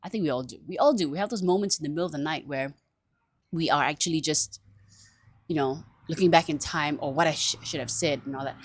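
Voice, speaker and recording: A low-pitched woman chats to camera in a lively, self-mocking way, breaking into laughter often. Her voice sounds dry and close, with no room echo. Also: fast talker. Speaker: vlogger. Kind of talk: casual chat to camera.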